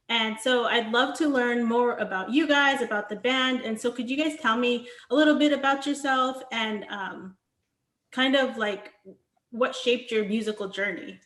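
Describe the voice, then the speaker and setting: A woman's voice: a little high, a bit bright, reverberant. A woman interviewing a band over a video call, upbeat and friendly, with many fillers. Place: her home in a large US city.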